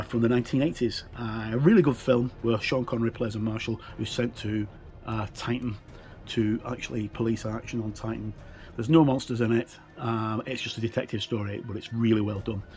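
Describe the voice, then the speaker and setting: In this unscripted walkthrough, a middle-aged game reviewer comments haltingly, hesitating and letting phrases trail off. His voice sits in the mid range and has a darkish tone.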